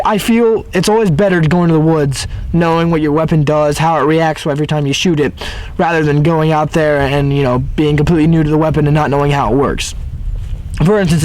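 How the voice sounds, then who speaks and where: A man's voice: fairly high pitch, rough recording. A man casually explaining things to viewers as a hunting video host, recorded outdoors. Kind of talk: casual explanatory talk to camera.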